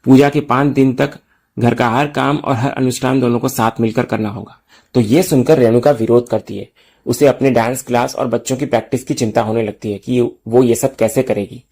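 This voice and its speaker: A man narrates a scripted recap of a TV serial episode at a middle pitch, his tone mellow and rather dark. He tells the story in a steady storytelling manner and speaks straight to viewers as he signs off. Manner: direct viewer sign-off.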